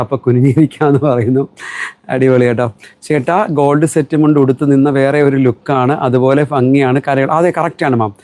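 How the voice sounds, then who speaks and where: Fast-talking man selling live. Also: a little high, a little mellow, no echo. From Kerala. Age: middle-aged. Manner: chatty, reads viewer comments aloud and answers them. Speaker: textile shop owner selling live. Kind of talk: live-stream product selling.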